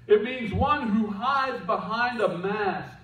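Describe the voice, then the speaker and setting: A man's voice: high-pitched, slow pace, fairly bright tone, distant mic. A man preaching a sermon in a church in a casual, joking way, with asides to the person running the slides. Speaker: pastor. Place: church sanctuary. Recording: echoey church heard from afar, dull.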